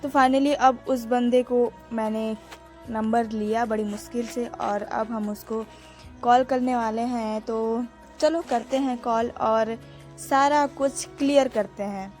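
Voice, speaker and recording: A woman's voice: a little high, steady tone, measured pace, darkish tone, soft background music. A young woman narrating her vlog in a casual, chatty way and talking to her viewers as friends. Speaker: vlogger.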